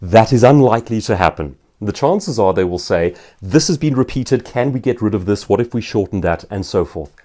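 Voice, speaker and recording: A South African man, author and speaker, gives an informal instructional talk answering viewer questions, articulate and emphatic. His fairly low, dark voice is animated and brisk, with hardly any pauses.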